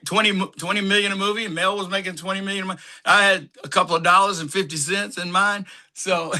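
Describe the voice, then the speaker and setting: A man, an actor guest, telling lively anecdotes and acting out what others said, laughing often. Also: high-pitched. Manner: animated anecdotes, acts out quotes, laughs often. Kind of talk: casual storytelling.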